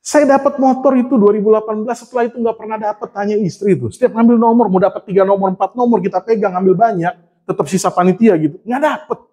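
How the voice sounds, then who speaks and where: High-voiced man preaching conversationally. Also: fairly even intonation, quick pace, warm tone. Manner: conversational storytelling, often addressing the congregation; humorous and self-mocking. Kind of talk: sermon.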